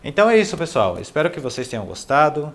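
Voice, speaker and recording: Man teaching phrases slowly and clearly. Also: fairly high pitch, very animated. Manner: repeats phrases slowly and carefully, then explains in quick asides; friendly, addresses viewers directly. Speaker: language teacher. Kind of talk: casual online language lesson.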